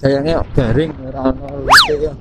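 A man's voice: mid-range voice, huge pitch swings, normal speed. A man with a Central Javanese accent chatting casually and joking to himself as he rides a motorbike and vlogs. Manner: joking, chatty, talks to himself, laughs often. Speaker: motovlogger. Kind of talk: casual riding vlog chat. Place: riding a motorbike on country roads. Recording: loud wind and engine noise.

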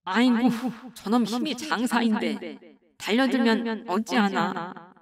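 A woman's voice: fairly high pitch, slow pace, dry recording, clean studio sound. Woman doing a fretful, worn-out hero. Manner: fretful, archaic speech.

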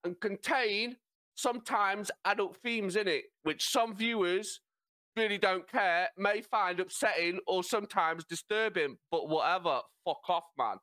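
A man's voice: sits high, a little slow, pushed and bright, voice pushed up. A British man putting on a swaggering young London street tough, full of cocky slang. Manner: cocky slang-heavy teasing.

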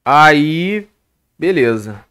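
A man's voice: fairly high pitch, expressive, drawn-out words, fairly bright tone, clear, resonant tone, dry recording, studio quality. A young Brazilian man on a live stream telling a story in a casual rant, swearing constantly and talking animatedly into a headset. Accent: Brazilian Portuguese.

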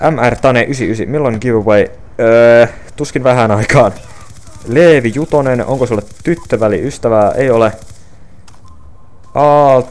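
Reading viewers' questions from his phone, a young man who runs a gaming channel responds in a relaxed way, full of fillers and restarts. His voice is medium-pitched and darkish in tone.

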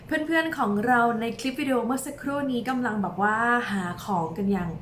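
Woman children's teacher: high voice, drawn-out bilingual coaxing, echoey room. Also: a little hiss or hum. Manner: slow, drawn-out modelling of words for repetition; lively, sing-song coaxing of children. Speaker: English teacher for young children.

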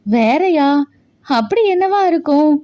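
A woman's voice: high voice, animated, takes it slowly, dark tone, dull audio. A woman voicing a loving, anxious middle-aged mother who speaks fondly and with worry to her son. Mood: fond, worried. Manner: fond, worried.

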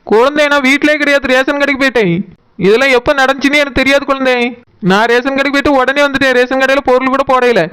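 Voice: high-pitched, flat delivery, a bit bright. A voice actor playing a sarcastic young village daughter-in-law who teases her mother-in-law in a Tirunelveli Tamil accent. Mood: defensive. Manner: mocking, quick, teasing.

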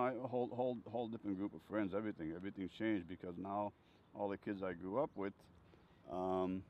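An older man telling rambling, chuckling stories from his life, interviewed outdoors on a handheld mic. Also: sits low. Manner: chuckling, rambling anecdotes with frequent laughs. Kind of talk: casual life-story storytelling. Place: outdoors on a bench. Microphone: handheld furry-windscreen mic held near chest. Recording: slightly dull sound, faint outdoor noise.

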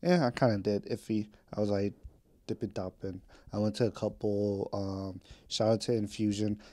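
A man in his twenties, a vlogger, casually catches up with his audience in a podcast from home, candid and meandering across topics with slang and the odd swear. His lowish voice is dark in tone, fairly even in intonation and at normal speed. The recording is dry.

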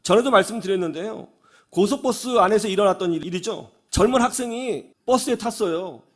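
A male pastor giving a radio sermon, telling stories in an animated way and acting out the people he quotes. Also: high-pitched, brisk. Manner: animated storytelling, acts out quoted voices. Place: radio studio.

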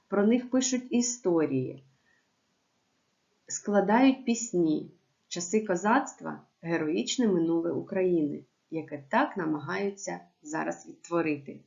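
A woman teacher giving a remote lesson to young pupils, with clear, measured instructions. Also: lowish voice, warm tone, dull audio. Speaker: primary school teacher.

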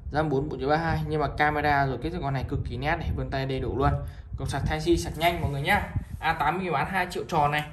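A man with a northern Vietnamese accent gives an informal, repetitive sales pitch as a shop seller, presenting items one by one to viewers. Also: fairly even intonation, fast, noisy background. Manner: repetitive, item-by-item selling with frequent appeals to viewers.

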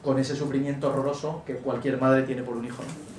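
A middle-aged man, telling stories as an author guest in a relaxed, jokey way and acting out quotes. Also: medium pitch, fairly quick. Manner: animated, jokey, acts out quotes. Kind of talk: relaxed storytelling talk. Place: event hall before an audience. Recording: echoey venue, distant mic, faint noise.

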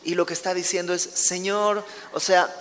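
A man's voice: high voice, completely flat delivery, fast, a bit bright, big-room sound. A man teaching a verse-by-verse Bible study in a conversational way, often asking his listeners questions. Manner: conversational, asks the audience questions.

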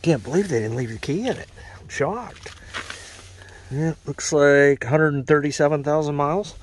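A man's voice: fairly high pitch, normal speed, slight background noise. A man giving a casual, rambling walk-around commentary outdoors at a snowy equipment auction lot, talking into a handheld camera. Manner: relaxed, rambling, uses fillers. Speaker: farm equipment vlogger.

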